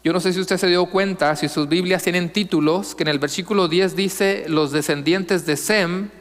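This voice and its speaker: Male pastor, high clear voice, reverberant sanctuary, question-and-answer preaching. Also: steady tone. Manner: asks the congregation questions and answers them; slow, emphatic reading of scripture. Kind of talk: sermon.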